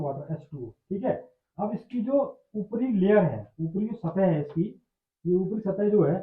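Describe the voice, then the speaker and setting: A male chemistry teacher, explaining a lesson, repeating phrases and asking and answering his own questions. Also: sits high. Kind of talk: classroom-style explanatory lecture. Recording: echoey room over tinny phone-like line.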